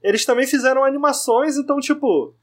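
A man's voice: extremely high pitch, fast talker. A man with a Brazilian Portuguese accent co-hosting a podcast, giving opinions in slangy, emphatic casual talk with some swearing. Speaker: podcast co-host.

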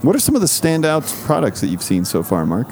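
A man co-hosting a casual, comedic podcast, making dry, deadpan jokes. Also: on the high side, fast, slight background noise. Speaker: podcast co-host.

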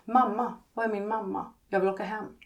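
A woman's voice: medium pitch, fairly even intonation, recorded from a distance, lightly acted. A woman reading from her book, voicing a frightened, homesick little girl of five and a half. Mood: plaintive. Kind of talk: read-aloud storybook passage.

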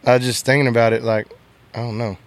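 Soft-spoken young man, emotional. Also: mid-range voice, level tone, fast talker. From Texas. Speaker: professional bull rider, guest. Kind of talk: candid interview chat.

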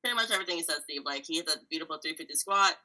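A woman's voice: deep voice, lively intonation, racing, sharp tone, poor audio. A woman co-hosting a casual sports chat podcast, methodically going through numbers with small fillers. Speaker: podcast co-host.

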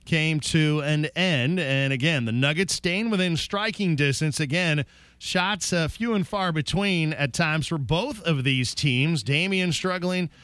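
A man's voice: fairly high pitch, a little slow, a bit bright, dry recording. A man hosting a sports broadcast, narrating a recap of a game. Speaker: sports radio host.

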